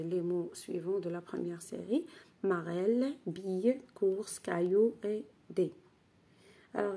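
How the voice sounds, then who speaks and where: A woman's voice: medium pitch, warm tone, breathy edge. A woman French teacher correcting grammar exercises for pupils, patient, and repeating key phrases.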